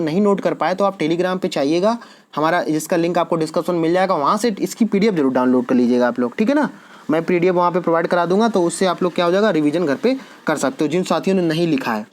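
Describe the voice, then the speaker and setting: Male teacher quizzing and repeating answers. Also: high-pitched. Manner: asks quiz questions and answers them himself; repeats key answers for emphasis. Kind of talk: exam-prep lecture.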